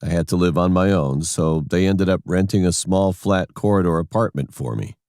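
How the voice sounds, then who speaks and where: Very deep-voiced male story narrator. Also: moderate pace, darkish tone, dry recording, studio quality. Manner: plain, matter-of-fact telling. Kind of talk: scripted scary story narration.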